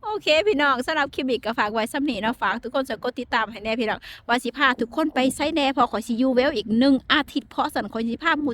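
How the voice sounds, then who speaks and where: A woman's voice: on the high side, a bit bright, a little hiss or hum. A woman with an Isan Lao accent vlogging a castle visit outdoors, chatting to her viewers in a friendly way. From Laos or northeast Thailand. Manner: chatty, addresses viewers as brothers and sisters. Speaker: travel vlogger. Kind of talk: casual travel vlog narration. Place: outdoors on a castle wall in the rain.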